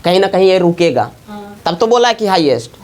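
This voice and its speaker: A woman's voice: fairly low pitch, sing-song, brisk, darkish tone. A woman teaching math to a class at the board, often asking the students to check along. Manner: asks the class constant check questions.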